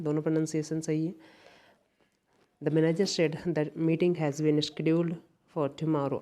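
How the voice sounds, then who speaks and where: A man's voice: a little high, warm tone. A man with an Indian accent teaching an exam-prep English lesson, explaining patiently and repeating key phrases. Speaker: English teacher for competitive exams.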